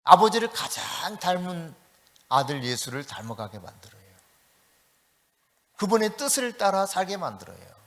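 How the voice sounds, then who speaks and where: A man preaching a sermon as pastor, telling a story in a lively way and acting out the quoted voices. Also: high voice, normal speed, long pauses, long reverb tail. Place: church sanctuary.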